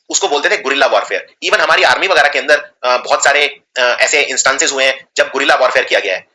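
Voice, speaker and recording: A man teaching an exam-prep spelling lesson, slowly explaining words and spelling them out letter by letter. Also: mid-range voice, bright, forceful tone.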